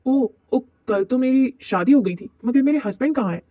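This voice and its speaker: A woman's voice: high voice, expressive, normal speed, warm tone, no echo, highs cut off, pitched above the performer's own voice. A man putting on a chirpy, innocent young bride. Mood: flustered. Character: bubbly naive young bride.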